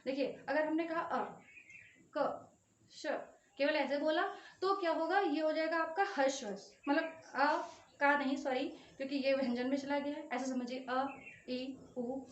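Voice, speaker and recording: A woman's voice: sits high, steady tone, normal speed, dull audio. A woman teaching a Hindi grammar lesson for exam prep. She says sounds aloud and draws out the long ones, checking in often with students. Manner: drills vowel sounds aloud, stretching long ones, with frequent "ठीक है" check-ins. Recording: echoey room, voice a bit far from the mic.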